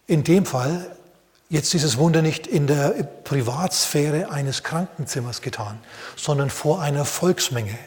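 A man preaching a sermon, telling the story in a lively way with playful asides and sound effects. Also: medium pitch, in a large hall. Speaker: pastor.

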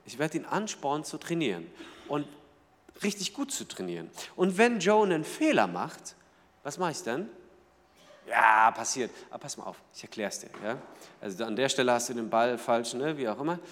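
A man preaching a sermon in a lively way, asking the audience questions and acting out small everyday scenes. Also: mid-range voice, normal speed, in a large hall. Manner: lively, asks the audience rhetorical questions, acts out little scenes. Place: church hall.

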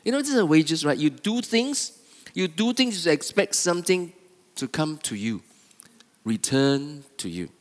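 A man delivers a sermon at an unhurried pace in a fairly high voice, swinging it lively around a mid-range. He repeats and restarts phrases in a stop-start way for emphasis, while the long reverb of a church hall trails after him.

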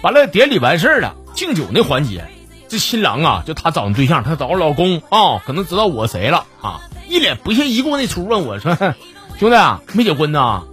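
Lively Northeastern Mandarin man. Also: on the high side, a little fast, faint music behind. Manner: chatty, teasing, stumbling restarts. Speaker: host reading listener stories. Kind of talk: comic storytelling.

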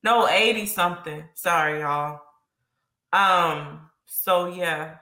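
A woman's voice: on the low side, slow, pushed and bright. A young adult woman chatting casually on a live stream, rambling and sentimental and laughing often. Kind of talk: casual chat. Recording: echoey room.

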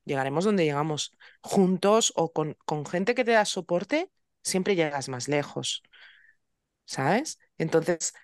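Guest, woman, low lively voice, frank and direct, dry close mic. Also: dry recording. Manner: candid and direct, with frequent tag questions. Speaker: copywriter guest. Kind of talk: casual conversational interview.

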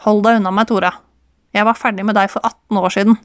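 A woman's voice: mid-range voice, level tone, dry recording, natural voice. A woman reading the part of a blunt, defensive man who works as a car mechanic in an audiobook. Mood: cold. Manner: curt, defensive.

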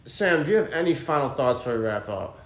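A man's voice: mid-range voice, sing-song, fast talker. A man hosting a casual sports podcast, talking enthusiastically and rambling as he speaks straight to the fans. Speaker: podcast host. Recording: roomy with faint noise.

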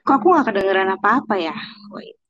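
A woman's voice: mid-range voice, animated, fast, fairly bright tone. Casual female podcast guest heard through a muffled, dull headset mic on a call, repeating her words. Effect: muffled headset mic with delay over a call. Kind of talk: casual chat.

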